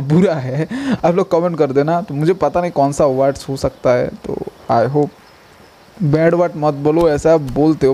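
A young man giving casual, rambling gameplay commentary as a gaming YouTuber, talking straight to his viewers and reacting loudly when attacked. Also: fairly high pitch, slight background noise.

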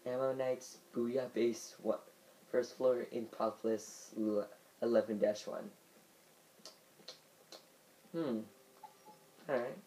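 Slow-talking man muttering game commentary. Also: medium pitch, fairly even intonation, warm tone, a little hiss or hum, rough recording. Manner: muttering to himself while playing. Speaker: gamer. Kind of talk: let's play commentary.

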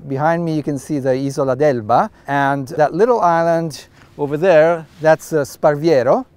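The setting is a catamaran deck outdoors, where a middle-aged man hosts a boat review interview with a lapel mic clipped on. He keeps things easygoing and chatty with plenty of fillers, in a voice on the high side with no echo.

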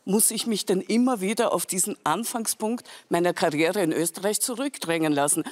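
High-voiced man, measured then firm. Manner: measured, then firmly objecting. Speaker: panelist. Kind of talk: TV panel discussion.

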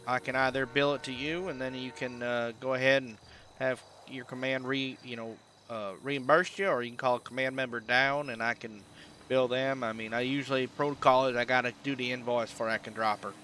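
A folksy country tow-truck driver with a drawl, played by a man. His voice sits in a middling pitch, with a bright edge to it. He chats along easygoing, friendly and plain-spoken. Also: steady tone, fairly quick, slight background noise, natural voice. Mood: businesslike. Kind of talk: in-character game role-play.

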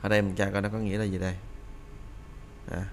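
A man's voice: on the low side, level tone, fast, slight background noise. A man teaching English phrasal verbs in a casual lesson, explaining in Vietnamese and often repeating the phrases aloud.

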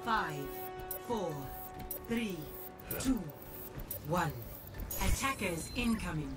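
A woman voicing a machine-like game announcer system that gives flat, clipped status calls and countdowns over a loudspeaker. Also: fairly low pitch, extremely slow. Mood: calm alerts. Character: female robotic battle announcer system. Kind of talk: video game voice lines. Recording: distant voice over loud game music.

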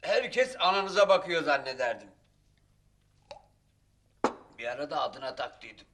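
An actor playing a gruff, blunt father who has been drinking. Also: on the high side, very animated, measured pace, noisy background. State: drunk. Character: Zekeriya, gruff drunk father. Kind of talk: TV comedy-drama acting.

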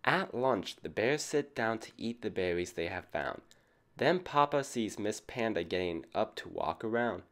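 Reading a picture book to kids, this man uses a lowish, slightly bright voice with lively intonation and an unhurried pace. He talks to the children the way a teacher would, posing questions to them.

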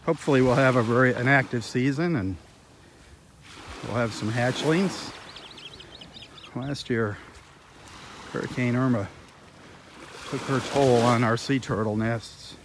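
A man giving relaxed, unhurried commentary while walking a beach, filmed on a handheld phone outdoors. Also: medium pitch. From Florida, USA. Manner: easygoing, unhurried remarks between pauses. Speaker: beach walk host. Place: outdoors on a sandy beach by the water. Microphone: handheld phone, filming while walking. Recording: outdoor wind and surf noise.

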